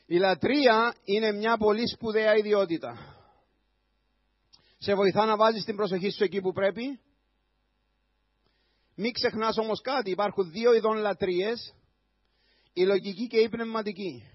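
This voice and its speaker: High-voiced preaching man, dry dull sound. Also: pauses often, no echo. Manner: preaching with a rising voice, shouting at times. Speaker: pastor. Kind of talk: sermon.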